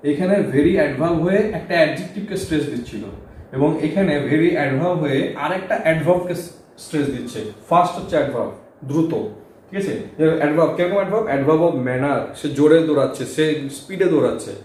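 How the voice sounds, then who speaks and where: A man explains English grammar in Bengali at the board, proceeding step by step and checking "okay?" with his students. His voice is on the high side, fast, and a little mellow, recorded in a very echoey room with a faint background hum.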